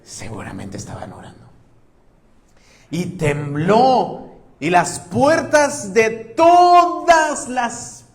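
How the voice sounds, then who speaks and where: A male pastor preaching a sermon, retelling a story with lively rhetorical questions and touches of humor. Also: high-pitched, drawn-out words, creaky.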